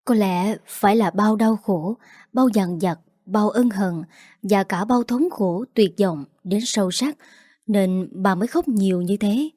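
Female audiobook narrator, first-person drama, emotional but measured, warm dark tone, dry close mic. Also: medium pitch, no echo.

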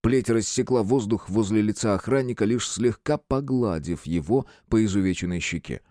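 A man narrating an audiobook with an expressive, dramatic reading. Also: fairly low pitch, moderate pace, no room sound, studio quality.

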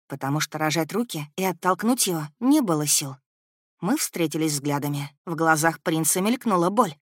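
A woman narrating a first-person audiobook in a measured, emotive reading. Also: on the low side, dry recording, clean studio sound.

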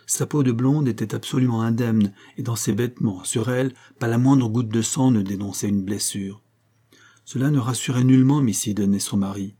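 A male audiobook narrator reads a novel in a steady, measured way. His voice is dark and mellow with a husky grain. The reading is even and unhurried. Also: medium pitch.

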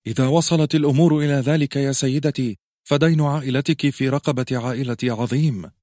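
A man's voice: medium pitch, steady tone, fast, warm tone, dry recording, clean studio sound, voice pushed up, lightly acted. A man voicing a bold, reckless young man speaking eagerly. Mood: earnest.

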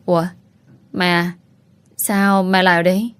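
A woman's voice: on the low side, flat delivery, a little slow, clear, resonant tone, natural voice. A woman voicing a dazed young married woman asking confused questions. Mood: bewildered.

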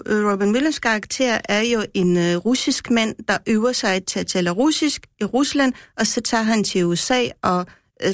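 A woman's voice: medium pitch, no echo, clean studio sound. A woman guest in a casual radio discussion, explaining her views at length with many restarts. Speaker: guest critic who speaks Russian.

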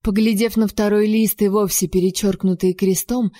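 A woman reading a first-person novel aloud, lively and playful in her storytelling. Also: medium pitch, moderate pace, no room sound, clean studio sound. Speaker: audiobook narrator.

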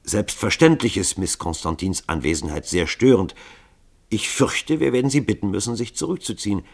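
A man voicing a mild, courteous scholar who speaks calmly. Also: fairly low pitch, normal speed, slightly rough. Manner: calm, courteous.

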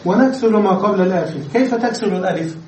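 A man's voice: sits high, fast talker, a little mellow, a little hiss or hum. A man teaching Arabic grammar in a classroom lecture, explaining step by step and asking the class questions. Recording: echoey room, recorded from far off.

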